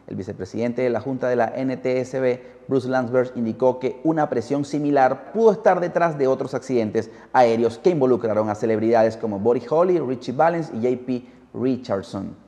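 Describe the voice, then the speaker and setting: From Peru, this podcast host reads scripted narration like a story, using a mellow, mid-range voice at normal speed. Heavy hall-style reverb and a muffled quality color the recording.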